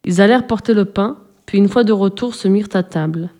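Female storybook narrator, mellow warm tone, gentle and expressive. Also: medium pitch, a little fast. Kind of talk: storybook reading.

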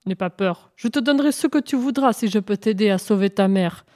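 A woman voicing a kindly, generous sun who speaks calmly and reassuringly in a storybook tale. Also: medium pitch, brisk, close to an everyday voice. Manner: calm and reassuring.

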